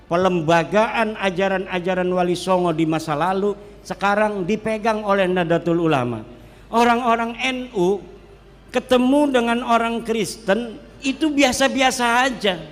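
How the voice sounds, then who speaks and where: A man from Banten, Indonesia, giving a religious lecture as an Islamic cleric, talking in a lively, joking way and switching between regional languages. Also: high voice, measured pace. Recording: hall reverb.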